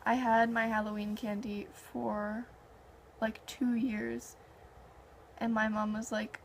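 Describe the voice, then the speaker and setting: A woman's voice: on the high side, takes it slowly, a little hiss or hum, poor audio. A young woman in casual chat, telling stories in a conversational way and acting out quoted dialogue. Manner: animated anecdotes with heavy filler "like" and quoted dialogue.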